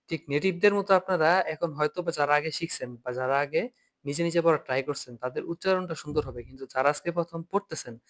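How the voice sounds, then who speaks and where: A man's voice: a little high, fairly bright tone. A man teaching an online German class by video call, patiently repeating each point and asking students to read aloud.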